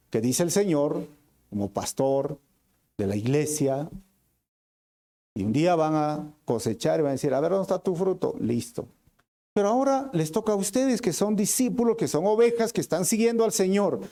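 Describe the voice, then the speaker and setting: A male pastor with a Peruvian accent preaching a sermon in church, animated and full of rhetorical questions to the congregation. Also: a little high. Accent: Peruvian Spanish. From Peru.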